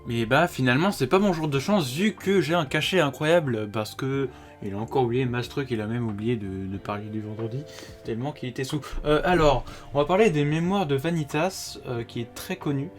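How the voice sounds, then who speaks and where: Slangy young man reviewing anime. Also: medium pitch. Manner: informal and slangy, many fillers, occasional swearing; reads synopses aloud in a flatter voice. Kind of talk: casual video commentary.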